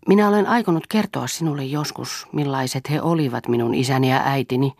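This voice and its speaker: A gravelly, husky older man talking low and slow about the past, melancholy and a bit self-mocking, as a woman narrator reads him in a storybook reading. the sound is close and dry. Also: dry recording. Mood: reflective. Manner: low, quiet, reflective.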